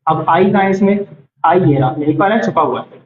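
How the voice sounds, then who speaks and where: A young man teaching a beginners' shorthand class, patiently repeating each word slowly and checking whether anyone has doubts. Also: sits high. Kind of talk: classroom lesson. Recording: roomy, dull lo-fi sound.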